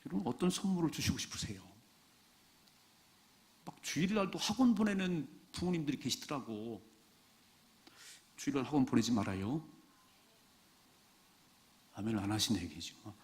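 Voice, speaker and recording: A man's voice: medium pitch, lively intonation, moderate pace, pauses often. A man preaching a sermon as pastor, speaking straight to the congregation with frequent rhetorical questions.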